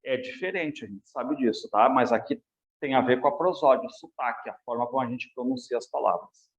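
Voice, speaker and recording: A man's voice: medium pitch, fairly quick, highs cut off. A man with a Brazilian Portuguese accent teaching literature in an exam review lecture, addressing students directly and often checking that they follow.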